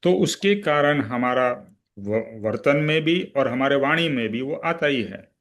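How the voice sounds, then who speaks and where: A man's voice: mid-range voice, animated, unhurried, a bit bright. Man explaining a spiritual lesson patiently. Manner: explains patiently, mixing in English words; checks in with the class with "hmm?". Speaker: spiritual teacher. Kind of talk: religious study-class talk.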